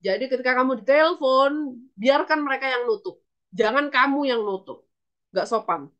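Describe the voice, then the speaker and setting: A woman's voice: high-pitched, moderate pace, a bit bright. Woman lecturer, lo-fi class recording. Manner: explains in a mix of English and Indonesian, acts out phone calls. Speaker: English lecturer.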